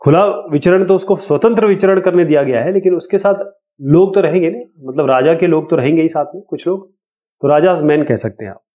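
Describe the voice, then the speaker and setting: Male teacher, casual explainer, slightly high voice, tinny phone-like recording. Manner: casual, explanatory, reads questions slowly. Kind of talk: explaining an exam lesson.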